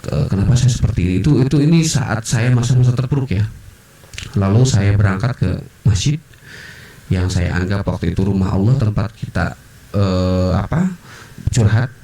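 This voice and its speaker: A man as a podcast guest, telling personal stories in an animated way and acting out the voices of others. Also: on the low side, moderate pace, vocal fry, pauses often. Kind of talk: personal storytelling in a podcast interview. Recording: roomy, distant mic.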